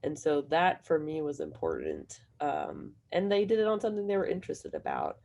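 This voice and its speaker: A hoarse woman, a math instructor on a panel, answering at length in a rambling, self-deprecating way. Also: low voice, huge pitch swings, brisk, a little mellow. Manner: rambling, self-deprecating, chuckles while talking. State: hoarse from allergies.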